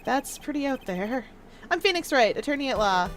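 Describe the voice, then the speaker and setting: A woman's voice: sits high, very animated, normal speed, soft background music, poor audio. A woman voicing a dry, exasperated male defense attorney while reading out a video game. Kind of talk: video game voice-over read-aloud.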